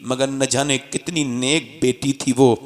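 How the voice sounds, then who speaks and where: A man preaching a sermon to a live audience, moving from calm storytelling to impassioned shouting and urging the crowd to call back. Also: mid-range voice, slow pace, in a large hall. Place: religious gathering with a live audience.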